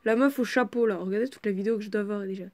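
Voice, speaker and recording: A woman reading a fan fiction aloud at home in a casual way, often stopping to comment, swear and shout excitedly. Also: mid-range voice, very fast, heavy background noise. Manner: excitable, swears freely, breaks off to joke and shout.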